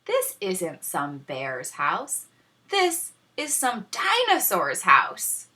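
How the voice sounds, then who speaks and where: A woman's voice: on the low side, wildly swooping pitch, drawn-out words, pushed and bright, full character voice. A woman voicing a heedless, greedy little girl in a storybook, in an exclaiming, childlike manner. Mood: dawning realization.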